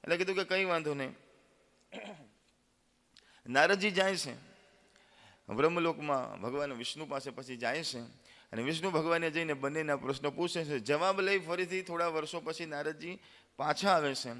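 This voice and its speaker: A man telling a devotional story in a sermon, with animated narration and acted quotes. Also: on the high side, brisk, big-room sound. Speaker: religious storyteller.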